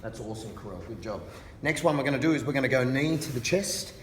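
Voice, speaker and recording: A man working as a fitness instructor, explaining exercises in a careful, unhurried and encouraging manner. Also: mid-range voice, expressive. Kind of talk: instructional exercise demonstration with coaching cues. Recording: distant mic, reverberant hall, background noise.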